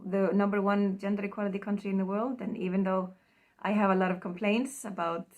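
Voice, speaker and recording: An Icelandic woman accepts an award in a recorded message. She speaks with a middling pitch, pausing often with soft ums, and her voice sometimes drops away quietly. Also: little pitch movement, muffled recording. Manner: hesitant, many ums, trailing off quietly. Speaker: award recipient. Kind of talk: prerecorded acceptance speech.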